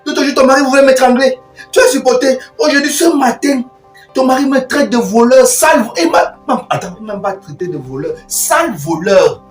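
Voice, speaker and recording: A demanding, freeloading older brother who calls himself the head of the family, played by a man. He whines and protests, swinging from loud to mumbling, in a comedy sketch. His voice sounds roomy and set back from the mic, with faint music behind. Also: very high voice, lively intonation, normal speed, far from the mic. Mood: indignant. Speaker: comic actor.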